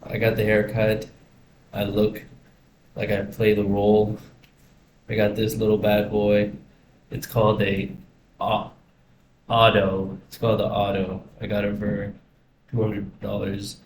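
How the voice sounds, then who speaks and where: A young American man records a rambling personal video diary indoors in a house, talking casually and reflectively as a vlogger. His fairly low voice is completely flat, measured in pace and broken by long pauses, while the room adds a roomy echo and faint background noise.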